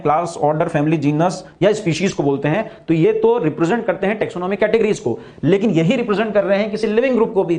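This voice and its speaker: A man with an Indian accent lecturing on biology, switching between Hindi and slow, deliberate English for key terms. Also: on the high side, a little mellow. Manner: explains in Hindi, then slowly restates key points in English. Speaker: biology teacher. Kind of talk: recorded classroom lecture.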